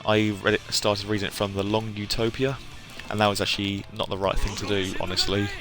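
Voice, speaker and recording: Speaking a bit fast in a level, lowish voice, a hobby game streamer from Britain chats casually with his audience. His talk wanders and stalls, frequently trailing away, over background music.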